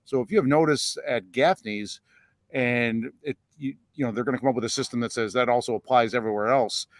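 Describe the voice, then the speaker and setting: Man, podcast co-host, lawyer type, measured, stop-start speech, dry sound. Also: mid-range voice, no echo. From United States. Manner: measured, halting, many restarts and "uh". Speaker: podcast co-host, lawyer and former police officer. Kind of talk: casual panel discussion.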